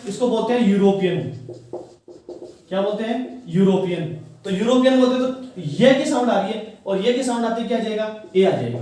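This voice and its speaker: High-voiced man teaching in an echoey room. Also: a little mellow. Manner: quizzes listeners and answers himself. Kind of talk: exam-prep grammar lesson. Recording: echoey room, mic at a distance.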